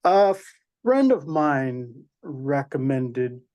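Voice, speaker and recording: Mellow-voiced man on a video call. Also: mid-range voice, drawn-out words. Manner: relaxed, hesitant with fillers. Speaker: production manager. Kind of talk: casual self-introduction.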